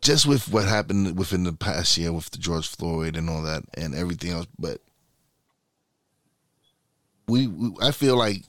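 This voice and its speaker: A man's voice: sits low, expressive, moderate pace, long pauses, a bit bright, no room sound. A man in his mid-forties speaking candidly in a conversational interview, often restarting and searching for words. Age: 40s.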